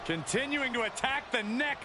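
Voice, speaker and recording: A man giving excited wrestling commentary in short, exclamatory calls over loud arena game noise. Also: very high voice, moderate pace.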